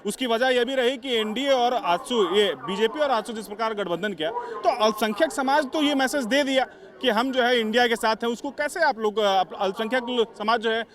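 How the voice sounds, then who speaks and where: A male news reporter with a high voice speaks from outdoors at a party convention venue. He asks long, probing questions with frequent fillers and restarts. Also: normal speed, a crowd in the background. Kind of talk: on-site news interview.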